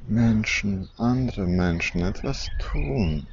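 Very slow, low, soft hypnotic man. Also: animated. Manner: slow, soothing, hypnotic delivery with long pauses. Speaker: relaxation and sleep hypnosis guide. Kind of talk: guided deep relaxation fantasy journey. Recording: dull muffled recording with background noise.

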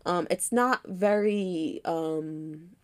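A woman's voice: lowish voice, very slow. A woman co-hosting a casual chat, reviewing dramas with frequent laughter and an occasional cough. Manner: laughs often, animated storytelling. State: coughing now and then.

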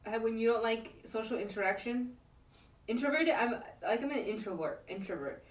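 A woman's voice: fairly high pitch, expressive, fairly quick, distant mic. A woman chatting casually as a podcast guest, laid-back and laughing between phrases. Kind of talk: casual chat. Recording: echoey room, away from the mic.

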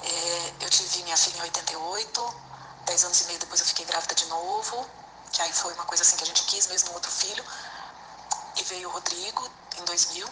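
A woman's voice: lowish voice, fairly even intonation, a little fast. A woman in her fifties talking with an electric fan blowing in her face, chatting casually and rambling with many fillers. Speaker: interviewee sharing personal experiences. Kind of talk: casual recorded chat. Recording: roomy with clear fan noise.

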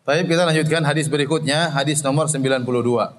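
A man's voice: a little high, quick pace. A man, a religious teacher, giving an explanatory study lecture that mixes recited Arabic with plain explanation and light humor. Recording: reverberant lecture hall.

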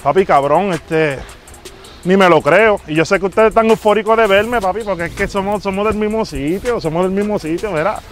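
Brief: a man as a vain Puerto Rican fake pop star, high voice, pushy street prank. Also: a little fast, soft background music, lightly acted. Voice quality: boastful, pushy, calls everyone papi. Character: male self-important fake famous Puerto Rican singer. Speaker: prank show host. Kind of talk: hidden-camera prank.

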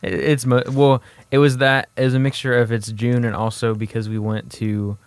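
A young man co-hosting a casual podcast chat, talking in a rambling, halting way with many restarts. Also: medium pitch, flat delivery, clean tone, no room sound. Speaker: podcast co-host.

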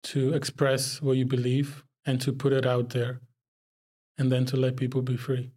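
A man's voice: medium pitch, completely flat delivery, moderate pace, warm tone. Young man from Pakistan, reflective. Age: young adult. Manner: reflective, laughs often. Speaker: podcast guest. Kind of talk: casual conversation.

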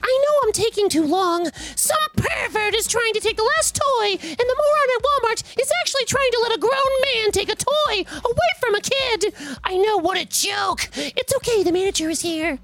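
A man voicing a shrill, indignant entitled mother who yells at a stranger. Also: lively intonation, moderate pace. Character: shrill entitled mother, middle-aged, screeching.

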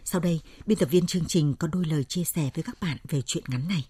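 A woman's voice: sits low, fast talker, mellow, slightly rough, no echo, studio quality. A woman presenting a radio reading programme from a script.

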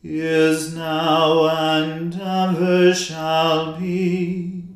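A church choir singing an evening liturgy in slow, even chant, with a cathedral echo. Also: medium pitch. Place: large stone cathedral. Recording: roomy cathedral echo, faint music.

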